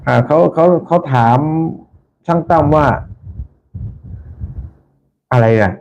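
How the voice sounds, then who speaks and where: A man hosting a casual live stream for his followers, talking politely and repeating himself, with soft polite particles at the ends of his phrases. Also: medium pitch, animated, takes it slowly, creaky. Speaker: channel host. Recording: dull lo-fi sound with faint background noise.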